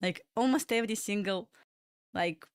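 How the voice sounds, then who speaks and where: The voice is a young woman's, medium in pitch, normal in speed and clean in tone, recorded at studio quality with no echo. Originally from Belarus and speaking with a Russian accent, she hosts a live trading stream from a home room in Florida. She chats and rambles, answering chat questions as she comments on the market.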